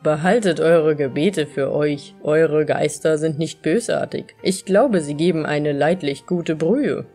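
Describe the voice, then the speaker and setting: A woman's voice: deep voice, measured pace, few pauses, mellow, soft background music. A woman doing a bold, teasing young man. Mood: amused. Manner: amused, teasing.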